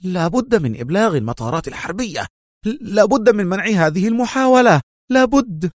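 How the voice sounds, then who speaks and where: A man voicing a panicked, scheming male Soviet spy chief who shouts in alarm. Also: high-pitched, sing-song, fairly quick, no echo, clean studio sound, voice pushed up. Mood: frantic. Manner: frantic, shouting.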